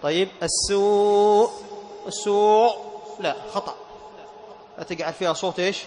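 A man's voice: on the high side, steady tone, fast, in a large hall, a little hiss or hum. A man teaching Quran recitation rules in a lesson, explaining patiently, repeating key points and asking his students rhetorical questions. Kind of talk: classroom lesson on tajweed.

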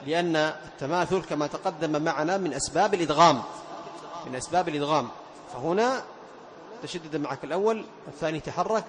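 A man teaching Quran recitation rules, explaining each point, chanting verses slowly and drawn out, and quizzing his students. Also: on the high side, fairly bright tone. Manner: quizzes students and praises answers. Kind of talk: tajweed lesson with recited examples.

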